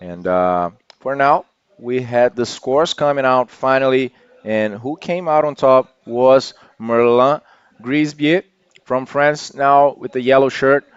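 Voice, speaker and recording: A man's voice: mid-range voice, slow, smooth, no echo, lo-fi sound. A man giving live sports commentary as one of the broadcast's commentators.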